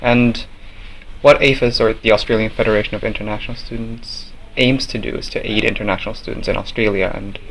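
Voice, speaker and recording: Young man from Norway, student leader, lowish voice, measured with fillers, faint ambience. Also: steady tone, vocal fry, fairly bright tone, a little hiss or hum, low-quality recording. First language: Norwegian. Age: young adult. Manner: measured, with many fillers and restarts. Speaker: student association president. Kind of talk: interview answers.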